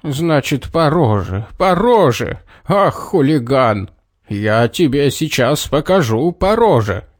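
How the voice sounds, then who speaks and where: A man's voice: medium pitch, very animated, measured pace, no echo, studio quality. A man reading a storybook, voicing an old male beggar who takes offense and blusters indignantly.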